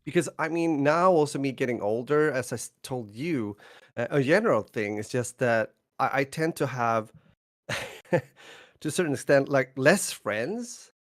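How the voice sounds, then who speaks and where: A middle-aged man with a Swedish accent, a podcast co-host talking casually, haltingly, with many restarts and soft laughs. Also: mid-range voice, expressive. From northern Sweden. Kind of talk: casual chat.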